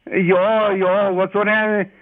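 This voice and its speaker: A man's voice: high voice, flat delivery, slow pace. A man from Jiangsu, China, chatting casually as a caller to a radio show, repeating himself for emphasis. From Xuzhou, Jiangsu, China. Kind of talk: casual phone chat. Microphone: telephone. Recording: phone line on a radio broadcast.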